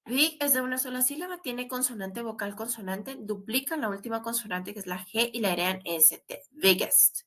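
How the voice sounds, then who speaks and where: A woman's voice: fairly high pitch, animated, brisk, hardly any pauses, a bit bright. A woman teaching English grammar in a recorded class. She explains step by step and often adds a questioning tag.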